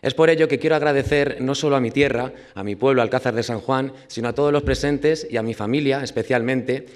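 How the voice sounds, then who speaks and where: A man in his thirties delivers a formal, earnest thank-you for an award. He speaks quickly in a mid-range voice. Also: mid-range voice. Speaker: award winner. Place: event hall with stage backdrop.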